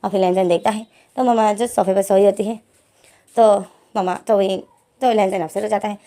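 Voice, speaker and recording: A woman's voice: medium pitch, steady tone, fairly quick, mellow. A woman reading fanfiction as casual storytelling, rambling with restarts. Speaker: fanfiction reader.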